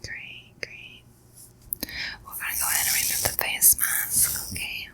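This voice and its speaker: A woman whispering softly and slowly through a pampering facial and calm breathing guidance. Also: poor audio. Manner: soft unvoiced whisper, slow soothing guidance. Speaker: ASMR creator. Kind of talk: ASMR whispered facial role-play.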